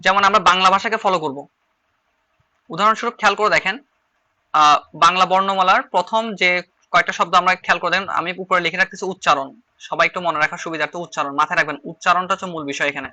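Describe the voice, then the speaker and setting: Fast, bright-voiced male shorthand teacher. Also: sits high, fairly even intonation. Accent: Chittagong Bengali. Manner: repeats phrases while writing on slides. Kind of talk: online class lecture.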